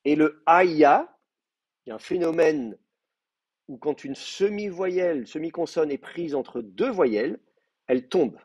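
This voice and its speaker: Husky man giving a rambling lecture. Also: fairly high pitch, expressive, measured pace, darkish tone, no echo. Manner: digressive, many fillers and restarts, explains patiently. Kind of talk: university lecture. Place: classroom.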